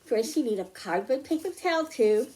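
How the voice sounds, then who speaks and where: Speaking at a moderate pace, the children's librarian leads another storytime and craft demonstration, her slightly high voice full of lively intonation yet dark in tone. She keeps things simple and encouraging for the young kids, with sing-song emphasis while reading and explaining, over a little hiss or hum.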